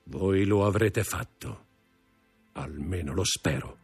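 Reading an audiobook, a man voices a stern magistrate who coldly accuses his wife, sounding contemptuous and heavily acted. His low, husky voice moves slowly over soft background music.

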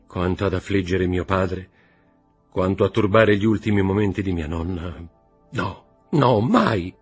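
A husky-voiced man voicing a distraught young noblewoman, lifting his voice high and crying out emotionally. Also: a little slow, soft background music. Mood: frightened. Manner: raised pitch, emotional, cries out.

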